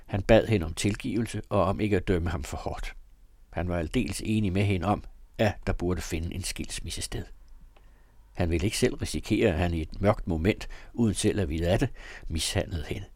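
A man with a lowish voice reads a classic novel aloud. His telling is measured and dramatic. The recording is close and dry. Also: darkish tone, no room sound. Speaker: audiobook reader. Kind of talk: dramatic literary reading.

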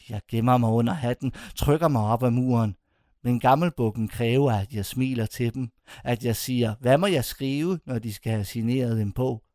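Expressive man reading literary prose. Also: no room sound, clean studio sound. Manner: expressive, voice climbs high when indignant. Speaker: narrator. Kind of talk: first-person literary reading.

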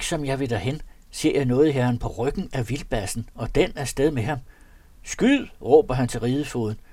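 A man narrates entries from an old diary in a measured, earnest reading voice. His pitch sits in an ordinary middle range. The sound is dry and close. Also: a little mellow, husky, no room sound. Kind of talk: reading a period diary aloud.

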